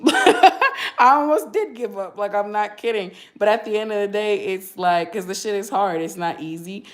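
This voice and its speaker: A woman's voice: medium pitch, lively intonation, normal speed. A woman in her twenties chatting candidly on a livestream, answering viewer questions in a slangy, talkative way. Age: 20s. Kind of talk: casual livestream Q&A.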